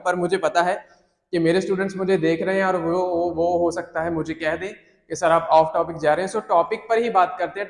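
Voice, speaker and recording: A man teaching students in a chatty, teasing way, mixing English phrases into his Hindi. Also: high-pitched. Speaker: IELTS teacher. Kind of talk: classroom-style lesson to students. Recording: echoey room with long reverb.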